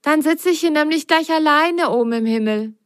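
Reading a children's story, a woman voices a cheerful, playful young female sock, pitching her voice high, above her own natural range. The acting is light, at normal speed, and the recording is dry and clean, studio quality.

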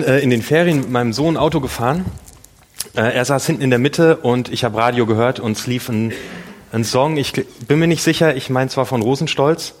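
A middle-aged pastor preaches like he is chatting with friends. His voice sits at an ordinary pitch for a man, and he tells stories with playful asides and dry jokes. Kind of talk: casual, humorous sermon.

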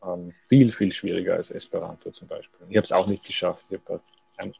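In a radio interview, a writer muses thoughtfully, taking his time to find words and readily poking fun at himself. His low voice is dark and mellow with a gravelly fry, the tone stays steady, and the recording quality is poor.

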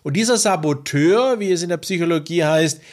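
A man working as a coach, giving a measured, deliberate interview answer with occasional hesitations. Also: a little high.

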